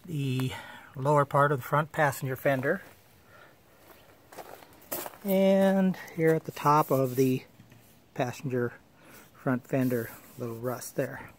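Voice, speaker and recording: A car owner films a casual walkaround of his old car on a handheld phone, moving between the outside and the interior. He speaks slowly at medium pitch with long pauses, matter-of-fact and full of fillers, over slight background noise.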